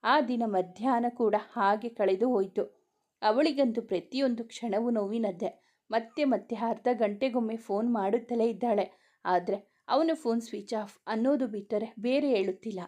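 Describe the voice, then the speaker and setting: A woman reading a romantic serial story aloud, with soft, even narration and plain voices for the dialogue. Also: fairly high pitch, moderate pace.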